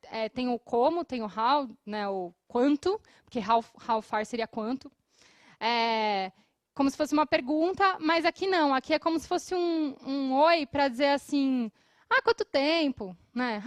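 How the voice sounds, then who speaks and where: Brazilian woman English teacher, high voice, patient classroom explainer, dry close sound. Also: dry recording. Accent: Brazilian Portuguese. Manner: explanatory, repeats English phrases slowly for students; laughs often between phrases. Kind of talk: televised classroom lesson. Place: studio.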